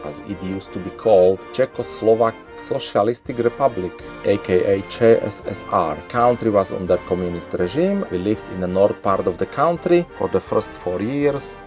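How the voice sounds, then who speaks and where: A man in his forties from Slovakia, a native Slovak speaker, chatting casually to camera as a travel vlogger in a relaxed way. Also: on the low side, moderate pace, hardly any pauses, over music. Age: 40s.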